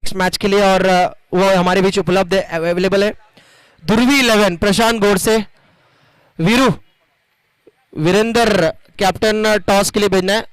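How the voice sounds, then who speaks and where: Male cricket commentator, strikingly high register, theatrical emphasis, dry sound. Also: steady tone, clear, resonant tone, no room sound, rough recording. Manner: dramatic, flowery phrasing with drawn-out emphasis. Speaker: cricket commentator and match announcer.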